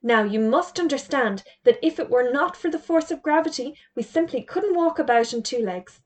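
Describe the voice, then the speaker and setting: Woman doing a fussy teacher guy, cross and lecturing, kinda high voice. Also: lively intonation, normal speed, a little mellow. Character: flustered fussy male schoolteacher.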